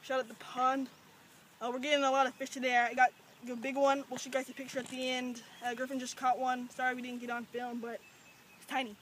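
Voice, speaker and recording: High, flat-voiced joking young fisherman. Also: fast talker, slight background noise. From Georgia, US. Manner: joking, chatty, offhand. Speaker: vlog host. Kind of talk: casual fishing vlog. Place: outdoors by a pond.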